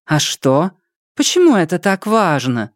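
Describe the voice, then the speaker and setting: A flighty young woman singer, as a male narrator puts her on in an audiobook, high-pitched and whiny, her voice swooping widely up and down. She pleads tearfully and gets flustered easily. The recording is close and dry. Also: wildly swooping pitch, unhurried, no echo. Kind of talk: audiobook character voice.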